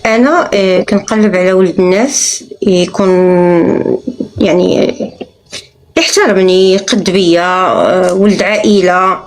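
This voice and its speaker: A woman's voice: medium pitch, normal speed, pauses often. Hesitant Moroccan woman in her thirties. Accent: Moroccan Arabic. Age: 30s. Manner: hesitant, with many fillers. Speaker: caller seeking a husband. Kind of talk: casual chat.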